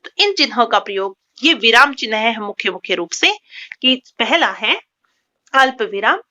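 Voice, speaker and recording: A woman with a fairly high, bright voice teaches a grammar lesson to her students. She walks through each point patiently, repeating key terms and checking in with them as she goes. The recording sounds dull and lo-fi. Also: very animated, normal speed.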